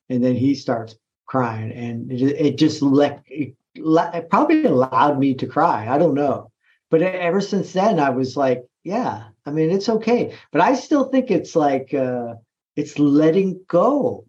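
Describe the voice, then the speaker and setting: Male veteran, halting speech with restarts, mid-pitched voice, slightly dull sound. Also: a little mellow. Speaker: military veteran guest. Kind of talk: casual interview conversation. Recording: slightly muffled recording.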